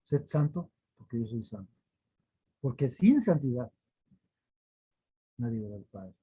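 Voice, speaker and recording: A man's voice: medium pitch, expressive, measured pace, warm tone, slightly rough, low-quality recording. A man preaching a weekly devotional, earnest and repetitive for emphasis, sometimes acting out quoted voices. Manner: earnest, repeats phrases for emphasis. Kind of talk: devotional teaching.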